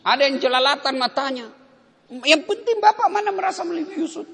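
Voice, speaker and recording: A middle-aged male preacher giving a lively sermon, asking rhetorical questions, acting out little exchanges and slowly chanting prayers. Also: very high voice, gravelly. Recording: echoey hall with long reverb.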